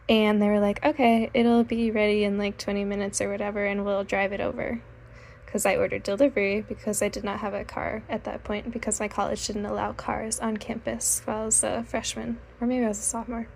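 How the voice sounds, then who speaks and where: A woman's voice: mid-range voice, creaky, a little mellow. A young woman telling a rambling personal story in a casual vlog, often correcting herself as she talks. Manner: rambling, self-correcting, chatty. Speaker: artist vlogger. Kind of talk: casual storytime while drawing.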